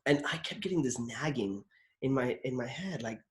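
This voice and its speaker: Expressive and mid-range, this man's voice moves at normal speed. He hosts a casual interview show and acts, and his stories about acting wander loosely, thick with "like" and restarted sentences.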